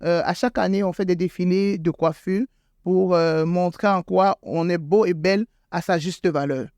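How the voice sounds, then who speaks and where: Here a beauty salon owner, an adult woman with school-age children, is a guest answering interview questions. Her voice sits lowish with fairly even intonation, normal speed and a slight mellowness, in clean studio sound without room echo. She hesitates a lot, uses many fillers and repeated words, and her voice shoots up when she drives a point home.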